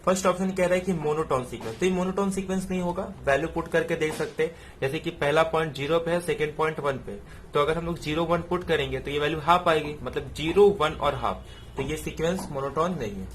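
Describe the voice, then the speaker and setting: A man's voice: fairly high pitch, fast talker, slight background noise. Man walking through math answers. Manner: steady explanatory, asks and answers own questions. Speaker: math teacher. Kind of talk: exam solution walkthrough.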